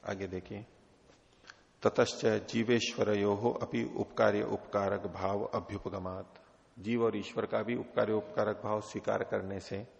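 A man teaching a Vedanta text, reading Sanskrit slowly and explaining it in simple Hindi, asking his students questions. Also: on the low side, vocal fry, darkish tone. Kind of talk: scriptural lecture. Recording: dull audio with long hall reverb.

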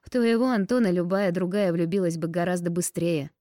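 A woman's voice: lowish voice, mellow, dry recording, studio quality, lightly acted. A woman reading an audiobook and voicing a nosy young woman friend who teases, pouts and takes offence easily. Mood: teasing. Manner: teasing, indignant, quick to take offence.

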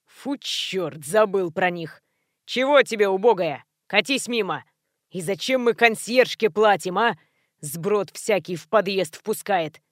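A woman reading an audiobook, voicing a rude, coarse middle-aged man who yells and grumbles at his neighbor. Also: medium pitch, lively intonation, measured pace, no room sound, clean studio sound, close to an everyday voice. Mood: yelling. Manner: shouting, coarse and dismissive.

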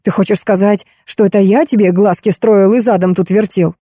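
A woman's voice: mid-range voice, steady tone, normal speed, warm tone, no room sound, clean studio sound, lightly acted. Lady doing a flustered stammery guy, whiny and cowardly, audiobook. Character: flustered stammering middle-aged man, cowardly.

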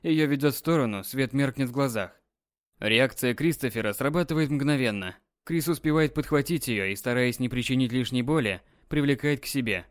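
A man reads an audiobook aloud in an even, dramatic storytelling manner. His voice sits at a medium pitch. The recording is dry and close, with no echo. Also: brisk. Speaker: narrator. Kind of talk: scripted audiobook narration.

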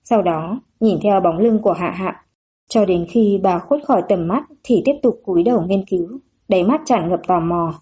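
Woman audiobook reader, steady delivery, dark and mellow tone. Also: mid-range voice, moderate pace, breathy edge. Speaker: narrator. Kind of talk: audiobook narration of a novel.

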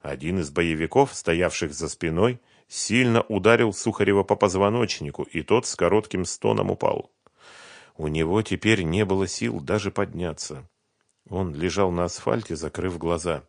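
Deep-voiced male audiobook narrator. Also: normal speed, creaky, dry recording, clean studio sound. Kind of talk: scripted narration.

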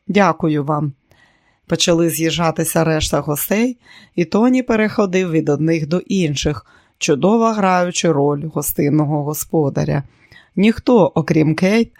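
Audiobook narrator, measured and even, mid pitch, dead-dry close sound. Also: vocal fry, dry recording. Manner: measured storytelling. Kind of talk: scripted narration.

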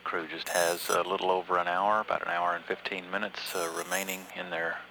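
Very deep, flat male mission announcer. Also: slight background noise, rough recording. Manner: measured, matter-of-fact, halting at times. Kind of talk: public affairs mission commentary.

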